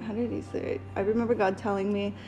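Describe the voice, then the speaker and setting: A woman's voice: mid-range voice, level tone, fast, music in the background, poor audio. Earnest woman sharing her testimony. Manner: earnest, rambling with fillers. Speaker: podcast co-host. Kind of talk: personal testimony in casual talk.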